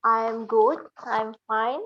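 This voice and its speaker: A woman from Indonesia answering as a student in halting, hesitant English. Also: fairly high pitch, steady tone, muffled recording.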